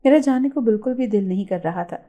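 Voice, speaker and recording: Woman narrating a story in a mellow voice. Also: medium pitch, lively intonation, quick pace. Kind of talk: first-person story narration.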